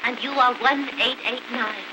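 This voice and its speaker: A woman's voice: fairly high pitch, steady tone. A polite young woman in an early talkie. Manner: polite, reserved and measured. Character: composed young woman traveler, polite and guarded. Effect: early talkie film sound. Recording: hissy early talkie film soundtrack.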